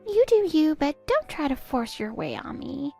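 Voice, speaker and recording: A woman's voice: sits high, big pitch swings, normal speed, vocal fry, a little mellow, faint music behind, full character voice. A woman voicing a spiteful stepdaughter in her twenties who sneers and cuts down her stepmother. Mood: scornful. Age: 20s. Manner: sneering, cutting, contemptuous. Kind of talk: text-story voice acting.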